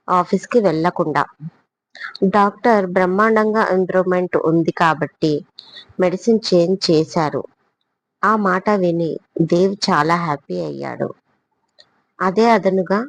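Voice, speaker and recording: A woman hosting her own channel, narrating an audio story in a steady, measured way. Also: fairly low pitch, creaky, no room sound, poor audio.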